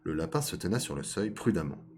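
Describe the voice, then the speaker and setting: A man's voice: low voice, big pitch swings, fairly quick, darkish tone, slight background noise. A man streaming a live reading of a folk tale, stopping now and then to comment on his character voices.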